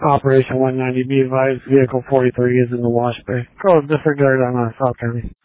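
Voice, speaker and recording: A man's voice: mid-range voice, level tone, fast talker, no echo. A man calling in clipped emergency radio traffic, heard through a tinny two-way radio. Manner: clipped radio call-outs. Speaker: emergency unit crew member on radio. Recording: dry, phone-like radio band.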